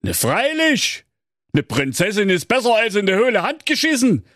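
A man's voice: sits high, huge pitch swings, normal speed, a bit bright, no echo, clean studio sound, voice pushed up, full character voice. A man doing a naive lad. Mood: cheerful. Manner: easygoing, folksy dialect. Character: cheerful naive young man, fearless simpleton.

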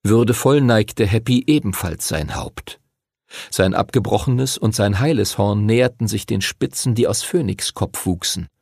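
A man narrating a fantasy audiobook in an expressive storytelling manner. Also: on the low side, moderate pace, vocal fry, slightly rough, no room sound, clean studio sound.

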